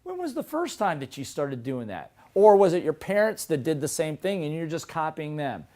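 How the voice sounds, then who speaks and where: Energetic middle-aged male seminar speaker. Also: fairly high pitch, moderate pace. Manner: energetic, asks the audience rhetorical questions. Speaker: seminar presenter. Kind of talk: motivational seminar talk.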